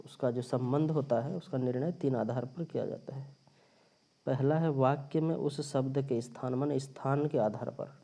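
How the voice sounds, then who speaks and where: A man's voice: medium pitch, moderate pace, dark tone. A man teaching a recorded grammar lesson, explaining step by step and repeating his points. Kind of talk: recorded linguistics lecture. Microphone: phone or screen recorder.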